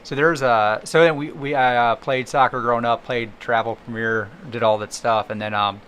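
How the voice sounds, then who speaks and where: A man's voice: mid-range voice, fairly even intonation, moderate pace, fairly bright tone, slight background noise. A man who is a running coach, guesting on a podcast and talking modestly with frequent laughs. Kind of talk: casual podcast chat.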